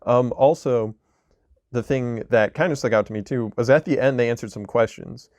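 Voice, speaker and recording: A man's voice: medium pitch, moderate pace, darkish tone, dry recording. A man co-hosting a podcast, talking casually about video games in a rambling way full of restarts. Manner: rambling, lots of likes and restarts. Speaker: podcast co-host. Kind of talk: casual gaming chat.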